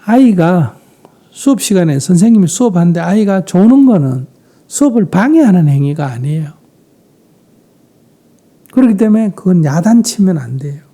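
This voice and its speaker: A man with a Gyeongsang Korean accent, a Buddhist monk calmly answering questions in a dharma talk, often trailing off into a breathy half-whisper. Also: high-pitched, moderate pace, long pauses.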